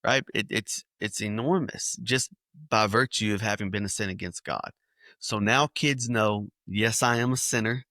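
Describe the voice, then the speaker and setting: Bright-voiced man telling vivid stories. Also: fairly low pitch, normal speed, no echo, studio quality. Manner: animated storyteller acting out scenes. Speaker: kids ministry speaker. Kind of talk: podcast interview storytelling.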